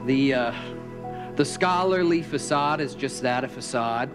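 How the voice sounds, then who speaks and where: A man's voice: mid-range voice, unhurried, over music. Heartfelt man preaching a sermon. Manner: heartfelt, openly emotional storytelling. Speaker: pastor. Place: church.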